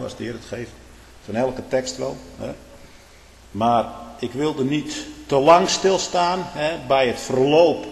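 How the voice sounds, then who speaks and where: A man preaching a stern sermon in archaic biblical phrasing. He swings between booming proclamation and low muttered asides, often tagging lines with "hè?" and "hm?". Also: vocal fry. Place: church. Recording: echoey reverberant hall.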